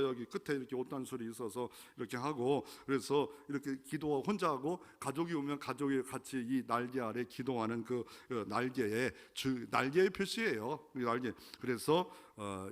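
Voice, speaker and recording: A pastor preaching a sermon in a conversational way, asking the congregation questions and building to emphatic calls. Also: male voice, mid-range voice. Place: large church sanctuary. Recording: long hall reverb from church sanctuary.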